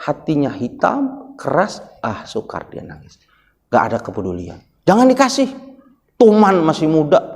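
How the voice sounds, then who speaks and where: A man giving a lively, joking study sermon in a mosque, acting out little stories as he teaches. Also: mid-range voice, gravelly. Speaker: Islamic preacher. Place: mosque hall. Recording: long hall reverb.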